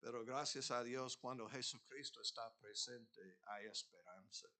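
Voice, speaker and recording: A man's voice: mid-range voice, unhurried, sharp tone. A man preaching a sermon as pastor, earnest, building to emphatic peaks. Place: church.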